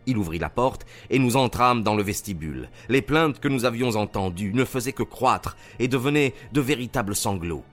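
A man narrating a story aloud in a steady, even reading style. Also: medium pitch, normal speed, few pauses, faint music behind. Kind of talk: scripted narration.

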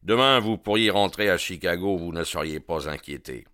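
A man reading the part of a self-assured police captain who taunts with calm irony. The voice is low and smooth, bright and forceful, recorded dry and close. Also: normal speed, no room sound. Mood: mocking. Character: confident police captain, middle-aged man, mocking. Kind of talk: audiobook character reading.

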